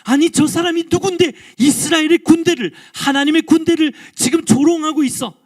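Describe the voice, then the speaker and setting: A man doing a young shepherd boy burning with indignation, firing off one exasperated question after another. The voice sits high and pressed, with fiery conviction. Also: a little fast. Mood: indignant.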